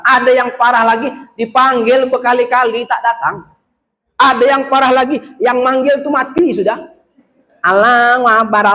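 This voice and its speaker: A man with a Riau Malay accent preaching a lively mosque sermon, telling humorous stories and asking rhetorical questions. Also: very high voice. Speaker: Islamic preacher.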